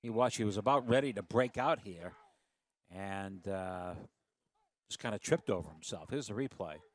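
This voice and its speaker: A man's voice: lowish voice, expressive, moderate pace. A man doing color commentary for a live college football broadcast. He talks in a loose, folksy way, walks back through each play, and fills the gaps with plenty of "uh" and "kinda". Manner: loose, folksy analysis with frequent fillers.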